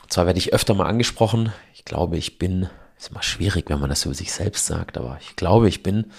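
A man's voice: low-pitched, expressive, brisk, gravelly, slightly rough. A man in his early forties with a cold, speaking in a nasal, honking, congested voice as he hosts a casual, chatty, self-deprecating solo podcast. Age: early 40s. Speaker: podcast host.

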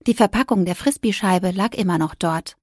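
A woman narrating a children's story in an expressive storytelling manner. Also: medium pitch, normal speed, dry recording, clean studio sound. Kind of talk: audiobook narration.

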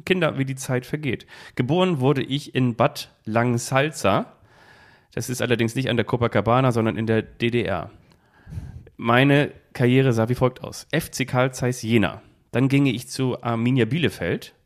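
A man hosting a relaxed football podcast, quizzing his co-host. He phrases each clue in the first person as the mystery player and lists clubs and career stats. He talks into a phone held close to a device. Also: mid-range voice, normal speed. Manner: poses riddles speaking in first person as footballers. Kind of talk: casual football quiz chat.

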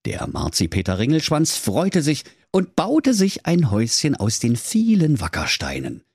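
A man narrating a comic fairy tale with playful, lively storytelling. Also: medium pitch, a little slow, husky, no echo, clean studio sound.

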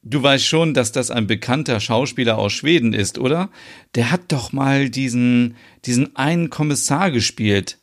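A man's voice: mid-range voice, normal speed, lightly acted. A man voicing a sensible, worldly married woman who explains things to her friend in a knowing way, in a podcast soap opera.

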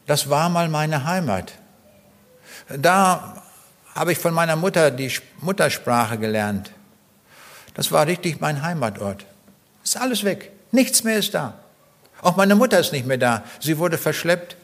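A man's voice: a little high, a bit bright. Older man preaching with earnest emphasis. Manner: earnest, emphatic lists with pauses. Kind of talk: sermon.

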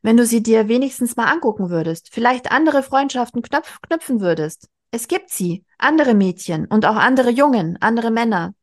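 A woman's voice: on the high side, lively intonation, normal speed, few pauses, voice pushed up. A woman reading aloud as a worried middle-aged mother speaking earnestly and dryly to her daughter. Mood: pleading. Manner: earnest, dry.

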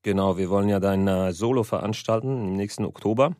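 A man hosting a casual comedy podcast, chatty and quick to laugh. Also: lowish voice, mellow, dry recording, studio quality. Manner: laughs often, loose and chatty. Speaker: podcast host. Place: indoor studio room.

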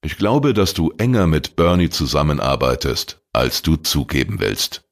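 A man reading a crime story voices a grown detective who questions calmly and firmly. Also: a bass voice, normal speed, exaggerated voice. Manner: calm, firm questioning. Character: adult male private detective, calm and firm.

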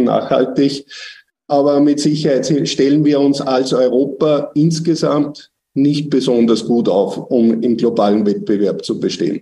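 A man, a company executive giving measured, technical answers in a business interview. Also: mid-range voice, mellow, roomy sound, far from the mic.

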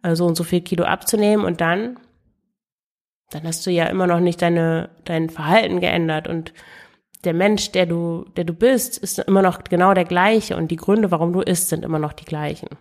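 A woman hosting a solo podcast, calmly explaining and talking straight to the listener, often restarting her sentences. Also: fairly low pitch, moderate pace. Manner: calm explaining, addressing the listener directly; frequent self-corrections and restarts. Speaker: podcast host and weight coach.

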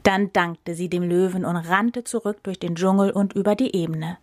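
Brief: woman podcast storyteller, even pace, dry studio sound. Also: on the low side, normal speed, no echo. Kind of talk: fairy tale read aloud.

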